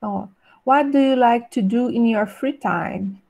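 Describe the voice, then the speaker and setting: Teacher, mellow voice, English examples. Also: female voice, a little high. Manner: explains in Portuguese, reads English examples slowly and clearly; keeps checking in with "né?" and "tá?". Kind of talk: online class lesson.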